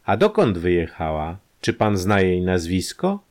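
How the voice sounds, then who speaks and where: A man's voice: sits low, wildly swooping pitch, a little slow, darkish tone, exaggerated voice. A man voicing a wealthy American tennis player who asks casual, eager questions. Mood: curious. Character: rich, carefree male American tennis star.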